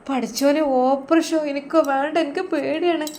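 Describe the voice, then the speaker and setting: Woman voicing a complaining older stepmother with a Malappuram Malayalam accent, pitched high and whining. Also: steady tone, fairly quick, a little mellow, slight background noise, lightly acted. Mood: whining, pained. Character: wailing older woman, sharp-tongued stepmother with broken leg.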